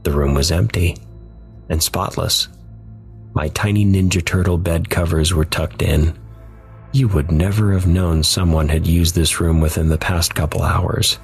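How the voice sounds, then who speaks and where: A man giving measured, somber scripted narration of a dark first-person story. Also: sits low, steady tone, vocal fry, slightly rough, soft background music.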